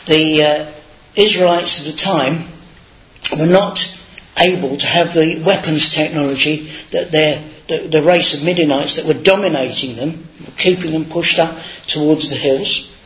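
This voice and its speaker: Man, informal sermon, chatty anecdotes, slightly high voice. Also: a little slow, pushed and bright. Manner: chatty, anecdotal, self-deprecating. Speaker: lay preacher. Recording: dull lo-fi recording.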